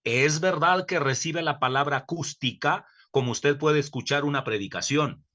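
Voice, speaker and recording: A middle-aged man teaching a recorded theology lecture, earnest and emphatic, slowing down to stress key words and correcting himself as he goes. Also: fairly high pitch, sharp tone. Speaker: theology professor.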